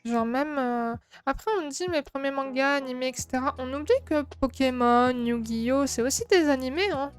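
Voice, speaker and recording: A woman's voice: sits high, moderate pace, few pauses, clean tone, faint music behind. A woman in her twenties, a streamer, chatting casually and laughing often as she answers chat while painting at her craft table. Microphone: streaming microphone.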